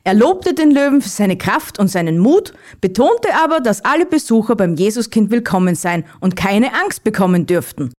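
Woman, storybook narration, calm, even reading. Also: medium pitch, moderate pace, hardly any pauses.

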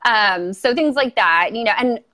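A woman with a Valley Girl accent talks casually and self-deprecatingly as a guest. Her fairly high voice swings lively up and down, with giggles and frequent filler "like". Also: normal speed. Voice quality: can be loud. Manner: valley girl talk, heavy use of like. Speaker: interview guest, online video creator. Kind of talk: casual chat.

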